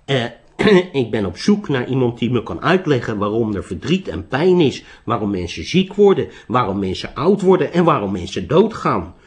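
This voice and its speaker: A man's voice: mid-range voice, very animated, normal speed, lightly acted. A man voicing a polite, unsure young wandering monk who answers hesitantly. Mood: earnest.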